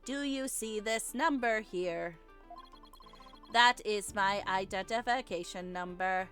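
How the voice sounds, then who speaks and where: A woman with a medium-pitched, fairly bright voice takes her time as she plays a video game, reading the characters' lines aloud in a theatrical, playful way. Video game music plays behind her.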